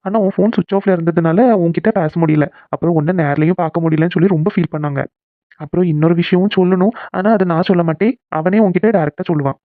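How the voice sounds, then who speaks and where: A bossy but caring young man in a cartoon, as a voice actor puts him on, talks fast as he coaxes and gently scolds a friend. The sound is tinny and phone-like, with no room around it. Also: mid-range voice, no room sound, natural voice. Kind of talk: cartoon voice acting.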